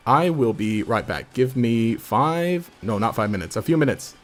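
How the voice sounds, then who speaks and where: A man's voice: medium pitch, expressive, normal speed. Chatty rambling male game streamer. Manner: rambling, chatty, laughs often, trails off mid-sentence. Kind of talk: casual live-stream commentary.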